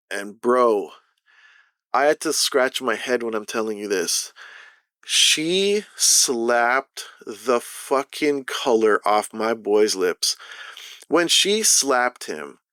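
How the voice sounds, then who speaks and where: A man's voice: mid-range voice, a bit bright, no room sound, studio quality. A Canadian man vlogging over gameplay, telling a story in casual, profane slang with lots of energy. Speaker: gaming vlogger.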